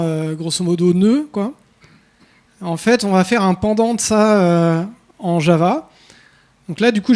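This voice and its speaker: A man with a fairly high voice talks through code on stage at a developer meetup. His delivery is casual and loose, full of hesitations, restarts and filler words as he walks the audience through each step. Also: darkish tone. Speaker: conference speaker. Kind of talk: live coding talk. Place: conference room.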